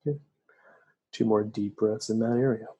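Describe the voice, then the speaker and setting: Male meditation guide, mellow and breathy, calm soothing delivery. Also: on the low side. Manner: slow, soft, soothing instructions.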